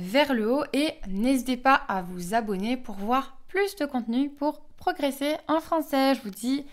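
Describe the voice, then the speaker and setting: A young woman from Belgium with a Belgian French accent, explaining as a French teacher to camera, with frequent hesitant fillers. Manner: frequent hesitant "euh" fillers, lively pitch swings.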